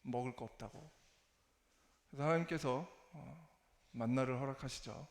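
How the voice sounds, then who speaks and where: Halting man speaking in an echoey hall. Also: medium pitch. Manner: halting, hesitant, self-deprecating. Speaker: church member giving a testimony. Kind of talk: church testimony, spoken sermon. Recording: echoey hall with long reverb.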